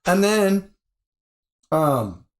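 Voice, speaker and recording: A man's voice: sits high, sing-song, drawn-out words. A man in casual conversation telling a rambling story, swearing constantly and acting out his own quotes. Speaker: interview guest.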